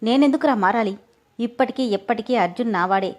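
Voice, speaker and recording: A woman's voice: a little high, fast, natural voice. A woman voicing jealous, sarcastic young Neha. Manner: sharp, sarcastic and scolding.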